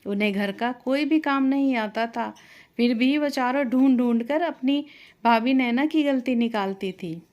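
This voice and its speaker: A woman narrating a scripted family story in a steady, plain storytelling manner. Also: on the high side, a little slow.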